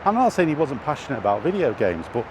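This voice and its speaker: With a very animated, medium-pitched voice and a fast pace, a middle-aged British vlogger rambles casually while walking through a city, thinking aloud and frequently hesitating. The outdoor recording is noisy with traffic, and street and vehicle sounds are clearly heard.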